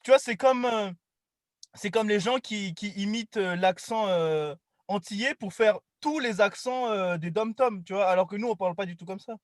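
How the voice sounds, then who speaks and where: High-voiced man spinning absurd comic stories. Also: normal speed, no echo. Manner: storytelling with absurd tangents and acted quotes. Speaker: comedian. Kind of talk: casual comedic chat.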